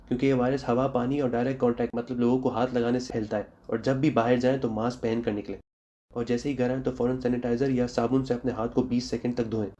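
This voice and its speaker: Fast-talking young Pakistani man, sarcastic. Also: medium pitch, mellow, muffled recording. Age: young adult. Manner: sarcastic rapid-fire jokes. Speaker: comedy vlogger. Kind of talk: comic monologue then public health advice.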